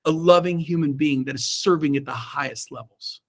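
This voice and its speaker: At a moderate pace, a middle-aged man fires up his real estate team with a motivational talk over a Zoom video call from his own room indoors. His delivery is emphatic, swinging from shouting to quiet asides.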